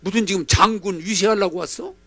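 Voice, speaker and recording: A pastor acting out a proud, angry army general who yells orders and then comes around. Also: male voice, fairly quick, no room sound, exaggerated voice. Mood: realizing, resolved. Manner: indignant shouting, bursts out in high yells. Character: proud angry foreign army general, middle-aged man.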